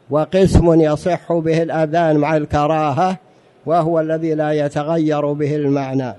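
A man's voice: on the high side, mellow. A man giving a religious lesson on jurisprudence, explaining patiently, repeating key phrases and asking the audience rhetorical questions. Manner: explanatory, addresses the audience as brothers. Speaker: religious teacher.

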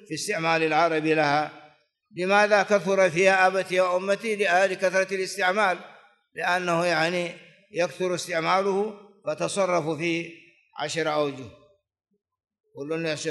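High-voiced man teaching grammar in a hall. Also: a bit bright. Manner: repeats example forms over and over, chants verse lines. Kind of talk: classical grammar lesson, explaining and reciting verse. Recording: long reverb of a large hall.

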